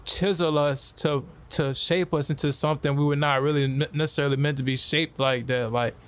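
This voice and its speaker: Higher-voiced man chatting. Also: steady tone, brisk, smooth. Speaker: podcast co-host. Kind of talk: casual chat.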